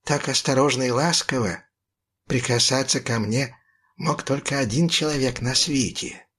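A man reading a children's story aloud in a slow, expressive way. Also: medium pitch, breathy edge. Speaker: narrator.

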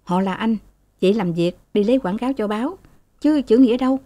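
A woman reading as a calm young student. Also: a little high, brisk, pitched above the performer's own voice, natural voice.

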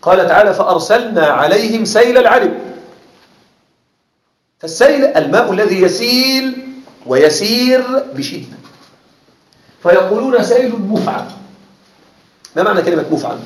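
Male teacher with a high voice, lecturing a class and checking that students follow, echoey classroom. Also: lively intonation. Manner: asks students often if they follow; repeats words slowly for emphasis. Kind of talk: classroom lecture on Arabic rhetoric. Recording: echoey classroom with faint noise.

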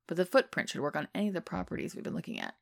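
A woman reading the lines of a caring middle-aged husband, who explains things gently and earnestly. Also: on the low side, rapid-fire, vocal fry.

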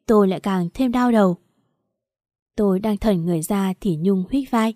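A woman's voice: mid-range voice, normal speed, dark tone, no echo, studio quality. A woman narrating a first-person story, telling it plainly and lifting her voice a little for the quarrels.

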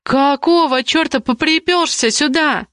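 A woman's voice: a little high, lively intonation, a little slow, no room sound, clean studio sound. A woman voicing an angry young woman who stutters in her outbursts, in an audiobook reading. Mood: furious.

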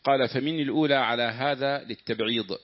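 A man reading a classical text aloud in a lesson, at a measured pace with pauses for the teacher's remarks. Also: medium pitch. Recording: dull lo-fi lesson recording.

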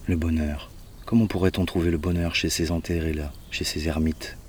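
A man's voice: sits low, steady tone, moderate pace, darkish tone, far from the mic, slight background noise, natural voice. A man voicing a mournful old male soothsayer, a prophet of doom who speaks in a sad, lamenting way.

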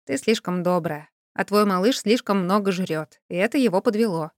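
A woman's voice: mid-range voice, moderate pace, no room sound, clean studio sound, natural voice. A woman voicing a cool-headed young male necromancer who speaks in a level, matter-of-fact way. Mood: deadpan.

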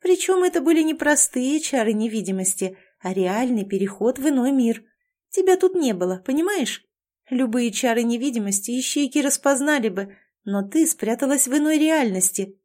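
A woman reading an audiobook, voicing a young witch girl who is suspicious, excitable and insistent. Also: sits high, moderate pace, pitched above the performer's own voice. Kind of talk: audiobook character voice.

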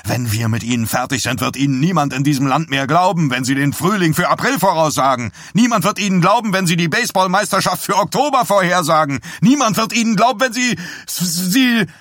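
A man voicing a pushy middle-aged tabloid publisher who turns shrill and sputtering with fury, in an audiobook reading. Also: fairly quick, a bit bright, dry recording, clean studio sound. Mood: threatening. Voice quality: shrill when angry. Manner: shrieking, sputtering, threatening.

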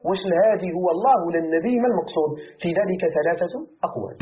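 Moroccan man, tafsir teacher, high lively voice, fast talk, tinny phone-like sound. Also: a little hiss or hum. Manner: animated, rhetorical questions to students. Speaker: Quran commentary teacher. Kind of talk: classroom tafsir lesson.

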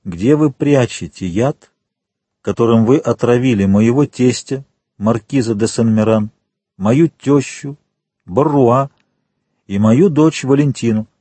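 A man's voice: medium pitch, breathy edge, no room sound. A man voicing a cold, menacing prosecutor. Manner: calm, measured, menacing. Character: cold, stern male royal prosecutor. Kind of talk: audiobook character voice.

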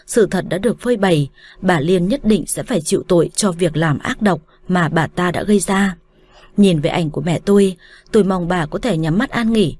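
Her husky, low-leaning voice carries a first-person romance audiobook at a calm, measured pace.

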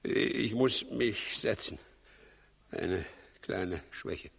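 A man's voice: fairly low pitch, very slow, gravelly, fairly bright tone, slightly rough, exaggerated voice. An actor in a 1960s German radio play as a scheming, imperious king, theatrical and volatile, swinging between feigned politeness and outbursts. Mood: shaken. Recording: 1960s radio play, long reverberant hall.

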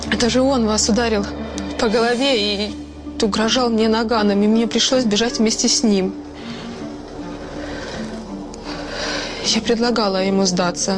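Actress as a pleading, evasive high-voiced female suspect. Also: lightly acted. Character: pleading, evasive female crime suspect blaming her accomplice. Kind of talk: screen crime drama acting.

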